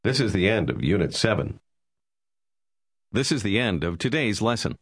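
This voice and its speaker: A man narrating a language course, calling out numbered words and explaining how letters are pronounced in a measured, clear teaching manner. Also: fairly low pitch, big pitch swings. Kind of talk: scripted instructional narration.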